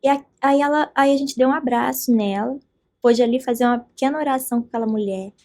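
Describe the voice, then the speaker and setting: Brazilian woman telling faith stories on a podcast, really high voice, animated and earnest. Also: fast. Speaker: podcast guest. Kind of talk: faith testimony in a podcast conversation.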